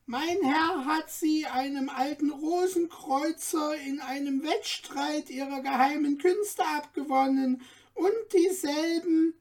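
Cicerone, a woman doing a squeaky tiny dwarf. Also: takes it slowly, a little mellow. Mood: proud, explaining. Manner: ornate, polite, squeaky and eager. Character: tiny fussy old dwarf guide, courteous and excitable. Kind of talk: storybook reading.

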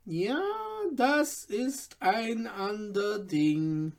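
A man voicing an old male tailor, greedy and excitable, with a strained, pitched-up old voice. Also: very slow, full character voice. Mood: shrewd. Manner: excitable, haggling.

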